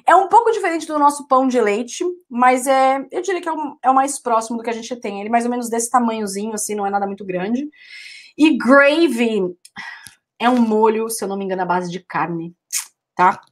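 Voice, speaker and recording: A young Brazilian woman teaching English live online, her voice sitting a little high. She talks in a chatty, loose way, repeating each word for her students and answering comments from the chat as she goes. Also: quick pace. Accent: Brazilian Portuguese. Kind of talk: live online class, explaining vocabulary.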